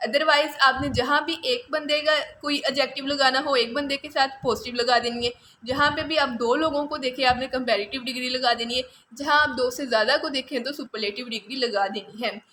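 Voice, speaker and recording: A woman with a Pakistani accent giving an exam-prep grammar lecture, explaining patiently and repeating examples slowly. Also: high voice, fairly even intonation, sharp tone, a little hiss or hum. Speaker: teacher.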